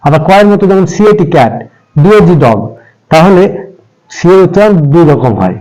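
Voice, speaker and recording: A man with a slightly high voice walks children through letter sounds. He speaks patiently and spells out each example word letter by letter, then repeats it. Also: big pitch swings, brisk, a little mellow, rough recording. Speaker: English pronunciation teacher. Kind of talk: step-by-step spoken lesson for children.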